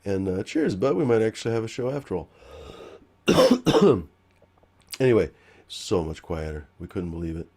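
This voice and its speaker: A man's voice: on the low side, sing-song, normal speed, long pauses, mellow, slightly rough. A man hosting a casual live-stream chat, rambling with lots of fillers and the odd swear. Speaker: host.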